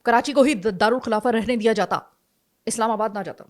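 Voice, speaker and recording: Female podcast host from Pakistan, probing questions, hesitant fillers, slightly high-pitched.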